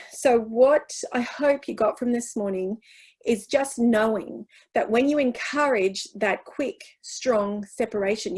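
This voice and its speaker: A woman presenting a workshop in a middle-pitched voice. She speaks earnestly and reassuringly, leaning on key phrases and restarting sentences as she answers questions. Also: a little mellow, breathy edge, rough recording.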